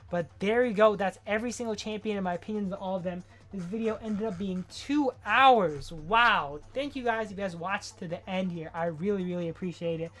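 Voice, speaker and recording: A woman giving casual, rambling game commentary as a gaming video host, with slangy, offhand asides. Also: fairly low pitch. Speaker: gaming YouTuber.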